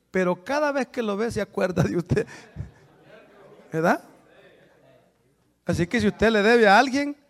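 A male pastor preaching a sermon in a church, telling stories and swinging between quiet asides and loud, urgent exhortation. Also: high voice, gravelly.

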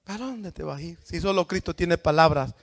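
A man preaching as a pastor, swinging between shouted praise and low, chatty asides to his congregation. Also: fairly quick, creaky. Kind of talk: Pentecostal-style sermon.

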